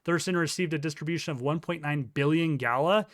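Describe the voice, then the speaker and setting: A man's voice: on the high side, a little fast, no echo, studio quality. A man giving casual commentary while reading court documents aloud, with sarcastic, incredulous asides. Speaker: crypto news commentator.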